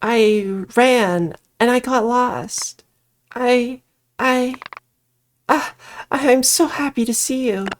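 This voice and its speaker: Woman playing Audrey, anxious higher-voiced companion. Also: extremely slow. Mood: relieved, flustered. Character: Audrey, gentle anxious female companion lost in woods.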